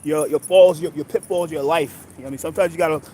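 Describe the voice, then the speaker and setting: A man in his thirties from New York, talking in a rambling, halting monologue full of restarts. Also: fairly high pitch, fairly even intonation, dark tone, slight background noise, poor audio. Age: 30s. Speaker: livestream host.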